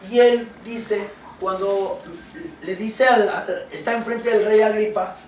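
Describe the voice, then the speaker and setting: A man preaching a sermon. He reads scripture slowly and then explains it with questions to the congregation. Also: sits high, steady tone, a little mellow, echoey room, recorded from a distance, a little hiss or hum, low-quality recording. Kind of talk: sermon with Bible reading.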